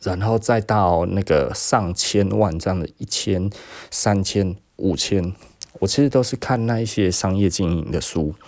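A man's voice: low-pitched, normal speed, darkish tone, dry recording, studio quality. A man in his forties from Taiwan, with a Taiwanese Mandarin accent, hosting a podcast and telling a casual story about running his business. He chats, laughs often and acts out what people said. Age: 40s. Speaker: podcast host and business owner.

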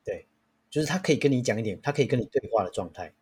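Man, Taiwanese Mandarin accent, young adult, podcast host, casual chat, husky, rapid, full of restarts. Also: mid-range voice. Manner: lively storyteller with many restarts and fillers.

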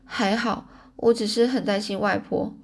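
A woman's voice: mid-range voice, steady tone, a little slow, gravelly, breathy edge. A woman voicing a frightened, tearful teenage girl in an audiobook reading, earnest and upset. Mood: distressed.

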